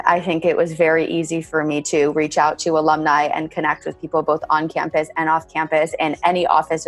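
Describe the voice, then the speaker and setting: Speaking low and evenly, a Bulgarian-born, California-raised woman around thirty gives careful replies as an interviewee with an MBA. "Kind of" crops up often in her speech, and soft music plays faintly underneath.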